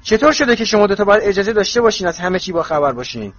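A man voicing a resentful teenage boy with forced calm and sarcasm in a storybook reading, in a slightly muffled recording with faint hiss. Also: on the high side, husky. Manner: strained calm breaking into sarcasm.

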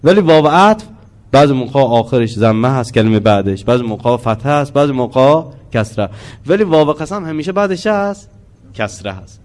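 Lively intonation and a darkish tone mark this man's medium-pitched voice as he gives a lesson on the Quran. His explanations are slow, he questions his audience, and he chants the Arabic verses in a long, drawn-out manner.

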